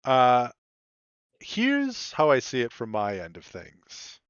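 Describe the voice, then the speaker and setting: A man game master speaks slowly in a smooth, clear voice, pausing often with ums and uhs. The sound is dry and a bit dull, like a modest home mic. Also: mid-range voice, wildly swooping pitch, dry recording. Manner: measured, with frequent ums and uhs. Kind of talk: tabletop role-play narration and character voicing.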